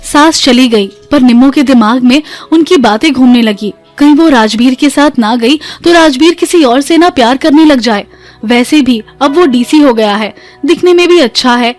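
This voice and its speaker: A woman narrating a family drama story in a steady storytelling manner. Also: high-pitched, moderate pace, faint music behind.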